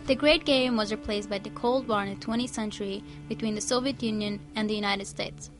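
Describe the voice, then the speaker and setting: A woman giving clear, formal, scripted documentary narration. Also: mid-range voice, brisk, over music.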